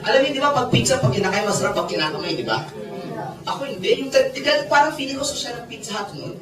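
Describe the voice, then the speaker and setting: A man's voice: very high-pitched, lively intonation, fast. A man, giving a playful storytelling seminar talk and teasing his audience. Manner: playful, teasing the audience, mixes Tagalog and English. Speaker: network marketing seminar speaker. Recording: echoey room, mic far off, audience chatter.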